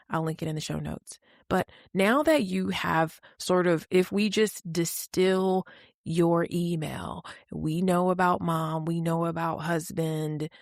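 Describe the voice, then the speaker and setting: A woman's voice: fairly low pitch, gravelly, no echo, studio quality. A woman hosting a solo advice podcast, talking candidly and conversationally with a touch of sarcasm. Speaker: podcast host and coach.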